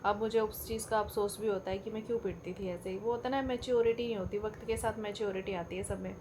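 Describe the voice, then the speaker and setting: A woman's voice: mid-range voice, fairly even intonation, quick pace, noisy background. A middle-aged woman from India chatting casually to her viewers in a home vlog, talking about her son and cooking in her kitchen. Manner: chatty, addresses viewers directly as "bhai". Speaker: vlogger, mother.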